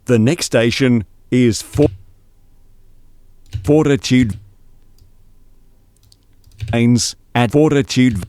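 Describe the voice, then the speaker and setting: A man's voice: medium pitch, extremely slow, pauses often, warm tone, no room sound. A man reading formal train station announcements, played back as recorded clips and cut into pieces. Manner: formal, evenly paced public address reading, cut into pieces. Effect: pre-recorded announcement clips played back.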